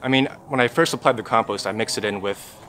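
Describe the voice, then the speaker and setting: Young man, lowish voice, relaxed, halting with fillers, outdoor garden, faint ambient noise. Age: young adult. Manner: relaxed, thinking aloud with many fillers. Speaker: first-year farmer. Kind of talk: casual interview. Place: backyard vegetable garden outdoors.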